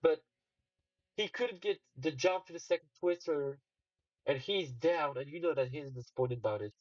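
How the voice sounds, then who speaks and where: A young man commentating a game competition play-by-play, halting with fillers and restarts, then breaking into excited shouts. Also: a little high, no echo. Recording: distant dull mic with faint music.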